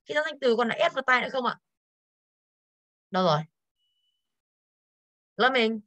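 A woman's voice: a little high, lively intonation, normal speed, fairly bright tone, no room sound. A woman English teacher going over exercises in an online class, tired and coughing now and then, who keeps putting questions to her students.

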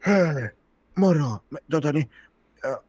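A man's voice: expressive, a little mellow, breathy edge, no echo. A man putting on a pushy drunk woman. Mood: pushy, slurring. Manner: raised pitch, halting, full of fillers. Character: drunk pushy woman stranger, clingy and rambling.

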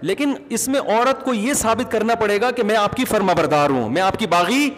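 Guy giving a religious talk, kinda high voice, lots of hall echo, chatty and asks the crowd stuff. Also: expressive, normal speed, a little hiss or hum. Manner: conversational, asks listeners questions. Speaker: religious scholar. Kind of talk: religious lecture to an audience. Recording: long hall reverb.

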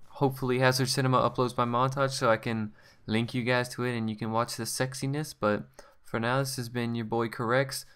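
A man's voice: mid-range voice, level tone, brisk, a bit bright, clear, resonant tone. A man giving casual, rambling gameplay commentary as a channel host, often correcting himself. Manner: rambling, offhand, self-correcting.

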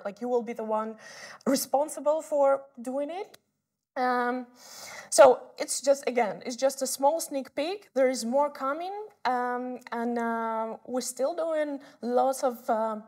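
A woman product expert giving a live webinar demo of software, explaining earnestly and often pausing with filler sounds. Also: a little high. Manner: hesitant, many filler sounds.

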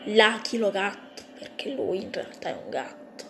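A woman's voice: mid-range voice, expressive, normal speed, creaky. Woman as an indignant young mouse sister. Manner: indignant, pleading. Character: young female mouse, shocked and defiant. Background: music.

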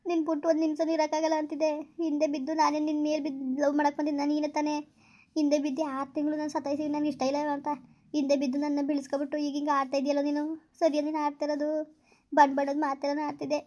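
A woman's voice: high voice, mellow, highs cut off. A woman playing a heartbroken girlfriend begging. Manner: pleading, tearful, repeats please. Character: heartbroken young woman begging her lover. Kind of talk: village skit acting.

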